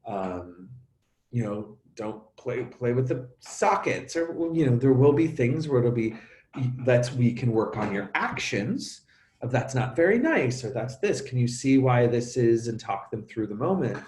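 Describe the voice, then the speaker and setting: A middle-aged man talking openly as an interview guest, animated and halting, often restarting and acting out sounds. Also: mid-range voice, echoey room. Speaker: actor and coach, interview guest. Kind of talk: emotional conversational interview.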